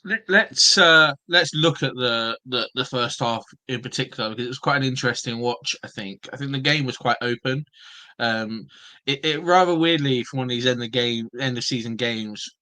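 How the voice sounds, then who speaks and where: A man's voice: medium pitch, normal speed, pushed and bright. A man hosting a football podcast in a casual, chatty presenting style. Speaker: podcast host.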